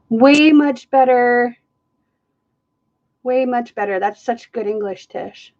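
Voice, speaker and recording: A woman with a higher-pitched voice speaks slowly on a muffled recording. She's hosting a fluid art livestream in her art studio with an overhead camera on the table, keeping the demo chat casual and self-mocking and laughing frequently.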